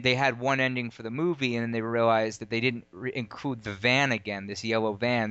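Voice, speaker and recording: Bright, clear-voiced man in casual chat. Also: mid-range voice, no room sound. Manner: rambling, digressive, lots of fillers. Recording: lo-fi audio.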